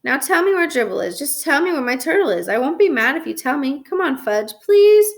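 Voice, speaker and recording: A woman voicing an upset schoolboy who pleads and yells at his little brother. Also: sits high, very animated, moderate pace. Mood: pleading. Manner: pleading then yelling, worked up. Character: upset schoolboy, big brother, about nine.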